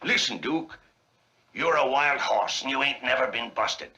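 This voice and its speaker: An actor playing a fussy, folksy cowboy sidekick who scolds in a twangy drawl, in an old film. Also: male voice, mid-range voice, animated, a little slow, sharp tone, poor audio.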